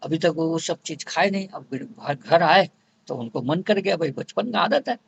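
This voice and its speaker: A man's voice: lively intonation, moderate pace, gravelly, slightly rough, no echo. A man teaching homeopathy in a lecture. He repeats each point with a string of synonyms and acts out what patients say. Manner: acts out patients' complaints in a lower voice. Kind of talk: explanatory lecture. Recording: dull lo-fi dry recording.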